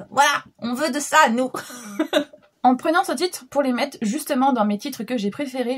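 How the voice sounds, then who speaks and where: A woman's voice: a little high, husky. A young woman giving a casual book review, chatty and full of hesitations, talking straight to her viewers. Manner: chatty, lots of hesitation fillers, addresses viewers directly.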